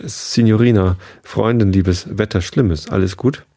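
A man's voice: fairly low pitch, unhurried, dark tone. A man voicing a bald Italian waiter with an Italian accent who speaks broken, stammering German. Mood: nervous.

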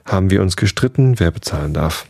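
A man reading a first-person story aloud in an even, gentle storytelling manner. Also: sits low, brisk, gravelly, dry recording. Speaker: narrator.

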